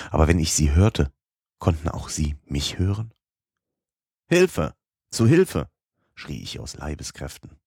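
Man narrating an audiobook, deep, close dry mic, dramatic and measured. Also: creaky, darkish tone, breathy edge, dry recording. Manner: measured, dramatic first-person reading.

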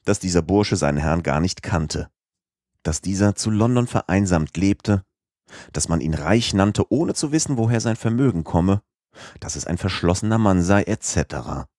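A man narrating an audiobook in a steady, measured storytelling manner. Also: deep voice, no echo, studio quality.

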